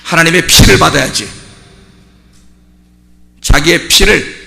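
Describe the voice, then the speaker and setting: A man preaching a sermon as pastor, swinging from quiet talk to shouts and acting out what people say. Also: on the high side, a little slow, creaky, big-room sound. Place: church sanctuary.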